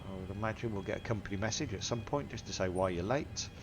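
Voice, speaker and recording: On the low side and at a quick pace, a man with a cold-stuffed nose walks through a flight simulator's cockpit settings one by one in a methodical tutorial. Engine and cabin noise from the simulator hums in the background.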